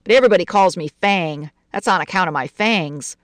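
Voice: mid-range voice, a little fast, a bit bright, dry recording, clean studio sound, natural voice. A storyteller voicing a brash, boastful fourteen-year-old girl who snaps her gum. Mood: cocky. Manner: cocky, boastful.

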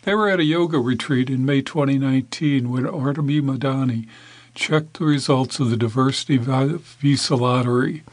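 Male news reader, steady scripted delivery, dry and close, mid-range voice. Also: mid-range voice, moderate pace, dry recording. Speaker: news narrator.

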